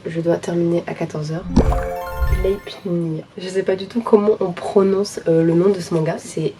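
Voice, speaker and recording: Young adult woman vlogger, upbeat and slangy, casual review delivery, a touch low, music underneath. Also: steady tone, normal speed. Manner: chatty, enthusiastic, slangy. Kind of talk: casual manga review vlog. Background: background music.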